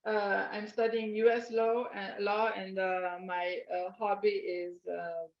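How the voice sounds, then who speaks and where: A woman's voice: medium pitch, little pitch movement, slow. Hesitant woman from Italy on a faint phone. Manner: hesitant, many uhs. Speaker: law student. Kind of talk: self-introduction on a call. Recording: faint, muffled phone audio.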